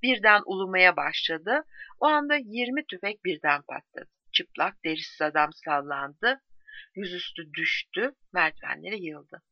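A woman narrating a war story in a grave, measured reading voice. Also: fairly low pitch, lively intonation, no echo. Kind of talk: audiobook narration. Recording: dry dull audiobook recording.

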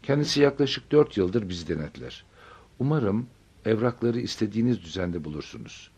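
A man's voice: lowish voice, animated, normal speed, darkish tone, slightly rough. A man voicing a polite middle-aged bank manager who talks formally and reassuringly.

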